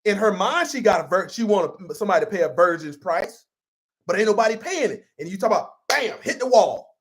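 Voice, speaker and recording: A man's voice: high-pitched, lively intonation, fairly quick, a bit bright. A man preaching a sermon in an emphatic, conversational style and repeating himself for force. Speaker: pastor.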